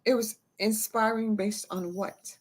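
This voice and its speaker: Measured, slow-talking female co-host. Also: medium pitch, steady tone, a little mellow. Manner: measured, formal phrasing. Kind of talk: casual talk show chat.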